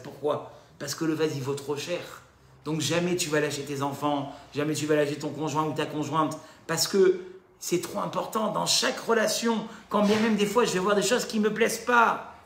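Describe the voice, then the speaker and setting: A man giving a religious lesson, talking straight to his listeners with lively rhetorical questions. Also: high voice, creaky, echoey room, slight background noise. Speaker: religious teacher. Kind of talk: recorded Torah class lecture.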